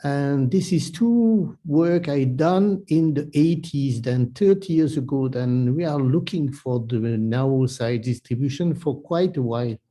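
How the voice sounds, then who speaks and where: A man's voice: medium pitch, unhurried, hardly any pauses, warm tone. A man with a delivery, introducing an online webinar and speaker as moderator, hesitant with many restarts.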